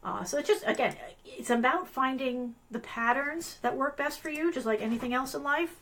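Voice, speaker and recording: A woman's voice: sits high, normal speed, fairly bright tone, slight background noise. A woman hosting a live online tutorial, losing her voice, chatty and apologetic, with lots of fillers and restarts. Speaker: host of a live business analyst show. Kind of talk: casual live-stream tutorial.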